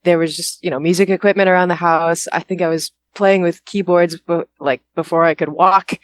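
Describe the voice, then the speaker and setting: A young American woman from Houston, Texas, a musician and vocalist, is interviewed on a call while riding a bus. Her voice is lowish, fairly even and fairly quick, and she chats casually with self-deprecating humor.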